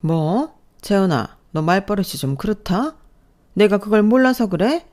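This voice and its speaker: A woman's voice: medium pitch, expressive, measured pace, darkish tone, natural voice. A woman voicing a snobbish, scornful older mother-in-law who scolds and belittles. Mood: scornful scolding. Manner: contemptuous, scolding.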